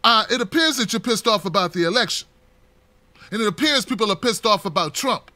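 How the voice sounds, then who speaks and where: A man giving an unscripted political commentary, talking straight to the camera, impassioned and preachy, building to near-shouts. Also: high-pitched, animated, a little fast, no room sound.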